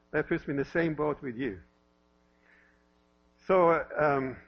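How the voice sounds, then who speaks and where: A husky pastor in his fifties, originally from Norway, preaches in a church and talks a little higher than most men. He speaks conversationally and pokes fun at himself. The recording is lo-fi and dull, with a steady mains hum behind him. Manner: warm self-deprecating humor, conversational with repeated questions. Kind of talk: sermon. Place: church sanctuary.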